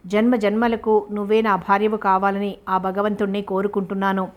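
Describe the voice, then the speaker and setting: Earnest, tender young student in love, read by a woman; flat, even storybook delivery. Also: medium pitch, brisk, close to an everyday voice. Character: young man, grateful medical student, affectionate.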